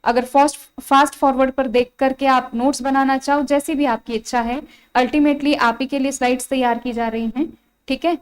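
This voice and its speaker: A woman with an Indian accent teaching an online English grammar lesson, repeating key phrases and spelling words out slowly. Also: sits high, steady tone, low-quality recording.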